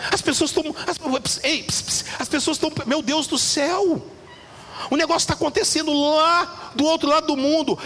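High, bright-voiced pastor preaching. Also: male voice, moderate pace, soft background music. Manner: animated, questions the congregation, acts out voices. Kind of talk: lively sermon with audience interaction. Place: church hall. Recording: reverberant church hall, faint ambience.

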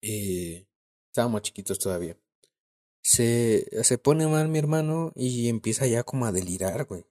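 A man's voice: medium pitch, lively intonation, moderate pace, warm tone. A young man with a Mexican Spanish accent, co-hosting a podcast and telling a story in slangy casual chat, laughing often. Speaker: podcast co-host.

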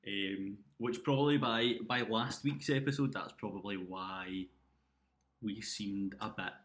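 A man's voice: lowish voice, fairly even intonation, a little slow, fairly bright tone. A man co-hosting a casual podcast, picked up by a laptop microphone with a muffled, underwater sound. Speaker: podcast co-host. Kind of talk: casual chat. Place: indoors at home.

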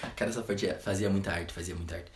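A man telling a childhood story in casual chat, animated and laughing often. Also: sits low, fast, a little hiss or hum. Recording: echoey room.

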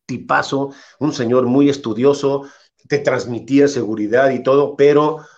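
A man, a former goalkeeper, telling anecdotes in an interview with lively asides. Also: medium pitch, moderate pace, lo-fi sound. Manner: animated anecdotes, quotes the coach in character. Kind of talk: casual interview storytelling.

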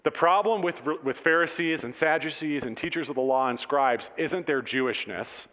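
A man preaching a conversational sermon, casual and animated, asking the congregation questions. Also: fairly high pitch, normal speed. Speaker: pastor. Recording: long hall reverb.

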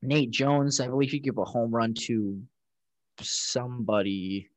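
A man's voice: mid-range voice, unhurried, dry recording. A man co-hosting a casual sports chat, recapping plays in a rambling way with lots of fillers. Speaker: podcast co-host.

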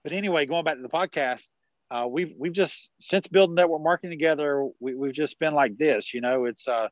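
A man's voice: a little high, fairly quick, no room sound, dull audio. A man in his forties from South Carolina with a rural South Carolina accent, a podcast guest talking in a rambling way over a video call. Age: 40s. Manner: rambling, many restarts and fillers. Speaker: podcast guest, network marketer. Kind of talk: casual conversational interview.

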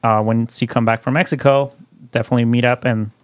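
A man's voice: mid-range voice, steady tone, fast, dry recording. A man co-hosting a podcast, chatting casually and hesitantly with lots of fillers. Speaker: podcast co-host.

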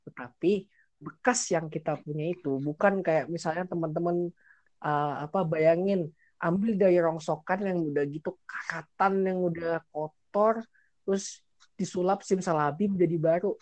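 A man's voice: a little high, normal speed, darkish tone, dry recording. A young man from Indonesia hosting a casual podcast, explaining things informally and dropping in English phrases. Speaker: podcast host. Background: background music.

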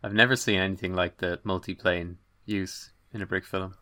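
A man's voice: deep voice, fairly even intonation, normal speed, pushed and bright. A man co-hosting a podcast, chatting earnestly and thoughtfully. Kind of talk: casual podcast chat.

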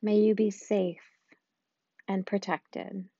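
A woman guiding a loving-kindness meditation in a slow, soft and soothing way, with long pauses. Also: mid-range voice, little pitch movement, breathy edge, dry recording, highs cut off. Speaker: meditation guide.

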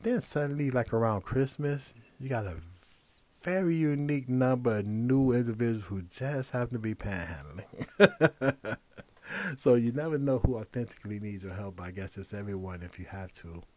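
A man's voice: medium pitch, moderate pace, a little mellow, no room sound. A man hosting a podcast, telling a personal story in a casual, conversational way with chuckling asides. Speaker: podcast host.

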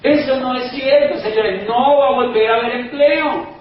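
Emphatic high-voiced man in an echoey hall. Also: moderate pace. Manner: emphatic, repetitive, keeps addressing the crowd as "señores". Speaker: motivational business speaker. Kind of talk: persuasive speech to a live audience. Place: event hall in Madrid. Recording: very echoey hall, distant mic, dull sound, faint noise.

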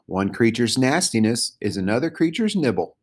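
A man's voice: mid-range voice, very animated, normal speed, breathy edge. Brief: cheeky, greedy storybook raccoon girl, sly and coaxing, as a male narrator puts her on.

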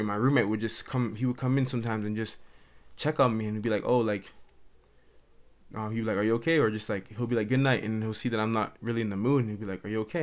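A young man hosting his own podcast from his mother's house, talking earnestly and ramblingly into the camera, with lots of "like" and restarts. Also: fairly low pitch. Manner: earnest, rambling, heavy use of "like". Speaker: podcast host. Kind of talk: casual solo monologue. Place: at home in his mother's house, dimming light. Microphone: camera recording.

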